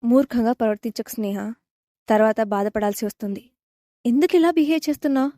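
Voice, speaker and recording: Woman reading a stern young guy, calm and firm, dry close sound. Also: on the high side, a little fast, dry recording, close to an everyday voice. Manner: calm, firm, sometimes shouting.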